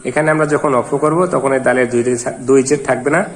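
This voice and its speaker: A man teaching Quran reading, spelling out syllables one by one and then chanting the verses in a drawn-out melody. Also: mid-range voice, fairly even intonation. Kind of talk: slow step-by-step recitation lesson. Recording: long hall reverb.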